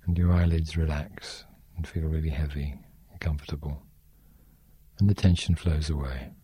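A man guiding a sleep meditation in a slow, soft, soothing way. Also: a bass voice, fairly even intonation, husky.

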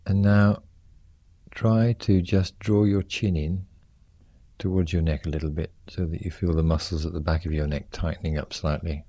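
Deep, mellow man guiding relaxation. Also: steady tone, no room sound. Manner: soothing, gently instructing with short unhurried phrases. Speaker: relaxation guide. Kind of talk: guided progressive muscle relaxation.

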